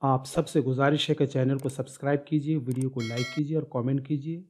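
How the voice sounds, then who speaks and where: A man giving a step-by-step Arabic grammar lesson, slowly drilling syllables one at a time. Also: medium pitch, steady tone, a little mellow, a little hiss or hum. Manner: slow, drawn-out syllable drills. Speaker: Arabic teacher.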